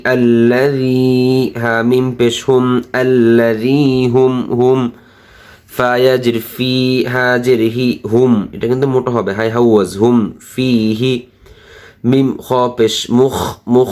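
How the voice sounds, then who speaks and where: A man teaching Quran reading, spelling out each syllable slowly and patiently in a recitation lesson. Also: mid-range voice, darkish tone, smooth. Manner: slow, drawn-out syllable-by-syllable teaching.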